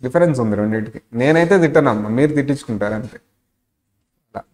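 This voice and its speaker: A man's voice: mid-range voice, lively intonation, a little fast, a little mellow. Telugu-accented guy teaching a class, talks in a mid voice, throws questions at students. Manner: mixes English into his talk, asks the class questions. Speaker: auditing lecturer. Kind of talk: classroom lecture with acted examples.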